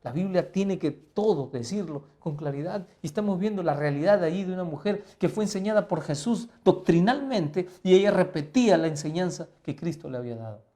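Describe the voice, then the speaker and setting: A male pastor teaching a Bible lesson in the style of a sermon. He keeps asking the listener rhetorical questions and swings between quiet and loud emphasis. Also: high voice, animated, a little fast, few pauses.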